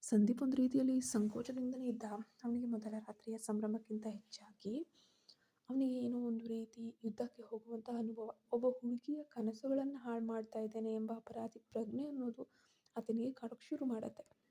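A woman's voice: fairly high pitch, level tone, normal speed, warm tone, slightly rough. A woman narrating a first-person story and voicing the characters' lines herself.

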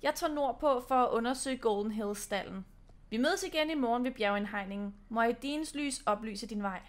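Solemn druid woman from a horse game, a woman reading her, grave and steady, fairly high voice. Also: lightly acted. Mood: urgent.

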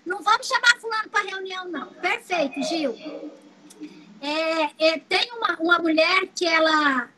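High bright-voiced Brazilian woman storyteller. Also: moderate pace, a little hiss or hum, poor audio. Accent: Brazilian Portuguese. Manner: lively storyteller, repeats phrases for emphasis. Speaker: family constellation therapist. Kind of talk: teaching talk with anecdotes.

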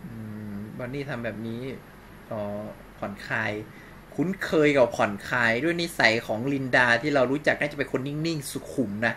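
A man's voice: mid-range voice, a little fast, fairly bright tone, a little hiss or hum. A man streaming a game, casually dubbing each character's lines into Thai on the fly and swearing now and then. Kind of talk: casual gameplay commentary.

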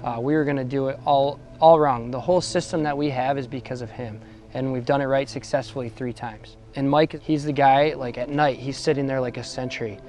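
A man's voice: mid-range voice, fairly even intonation, brisk, a little mellow, slight background noise. A man, a paddle boarder, talking casually in a documentary interview.

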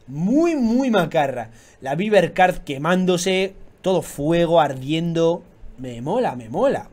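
Excitable young Spanish man reacting. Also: high-pitched. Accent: Spanish from Spain. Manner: excitable, slangy, bursts of loud exclamations. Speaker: YouTuber reviewing fan tattoos. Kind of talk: casual reaction commentary.

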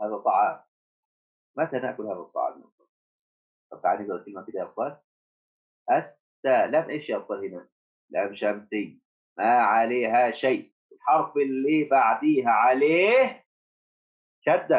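An encouraging male teacher, drilling young pupils through reading and spelling. He stretches words out slowly and keeps asking the class questions. His voice sits at a middle pitch and comes through thin and tinny, like a phone line. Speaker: primary school teacher. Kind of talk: online Arabic lesson for first graders.

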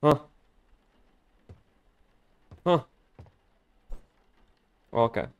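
Man, gaming host, casual play-by-play, jokey with sudden loud outbursts. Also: on the high side, very animated, very slow, gravelly, clear, resonant tone, no echo. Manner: playful, joking, bursts of loud exclamation. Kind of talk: casual gameplay commentary.

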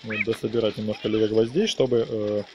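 A gaming video narrator gives casual commentary to his viewers, throwing in short exclamations. His voice is on the low side with fairly even intonation and a slightly quick pace. Game music plays behind him, and the background is noisy.

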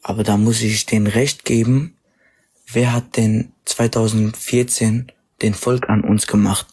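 A man's voice: on the low side, steady tone, unhurried, a little mellow, husky. A man in an online debate, hesitant with fillers but insistent on getting an answer. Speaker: Yazidi participant in a live group stream.

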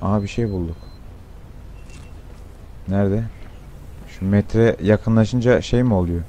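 A young man with a fairly low voice commentates on his gameplay in a loose, swearing style, often bursting into shouts. A faint noise sits behind him. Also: takes it slowly. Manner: excitable, swears a lot, sudden shouts. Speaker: gameplay streamer.

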